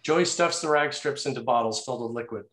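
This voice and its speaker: Speaking quickly in a medium-pitched, fairly bright voice, a man reads the action lines and scene headings of a screenplay. The room gives the recording a spacious, echoey quality.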